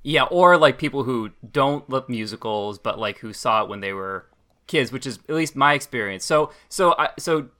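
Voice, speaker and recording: Man, bright tense voice, podcast host, laughs easily, moderates. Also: mid-range voice, lively intonation, normal speed. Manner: laughing, moderating, asks guests in turn. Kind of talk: casual chat.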